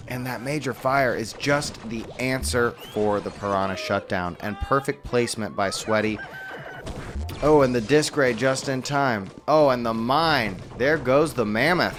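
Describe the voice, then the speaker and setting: A man commentating a mobile game tournament match play by play, upbeat and quick to exclaim at good plays. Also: medium pitch, a bit bright, a little hiss or hum.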